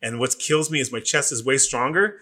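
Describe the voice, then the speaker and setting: A middle-aged man from Canada, a personal trainer telling stories in casual podcast talk, animated and profane. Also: mid-range voice, fairly quick.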